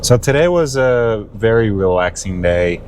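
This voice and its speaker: A man with a low, unhurried voice talks through his travel day in a casual vlog, rambling along with plenty of fillers. He records from his RV and the roadside on smart glasses, with faint noise in the background. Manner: relaxed, rambling with many fillers. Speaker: vlogger. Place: inside an RV and outdoors on the road. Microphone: smart glasses camera.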